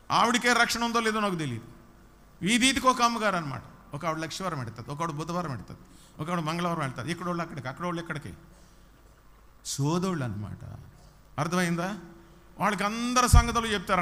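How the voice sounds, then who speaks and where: Guy preaching, kinda high voice, punchy, keeps repeating lines, long hall echo. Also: sharp tone. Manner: emphatic, repeats lines, asks the audience if they understood. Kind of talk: sermon.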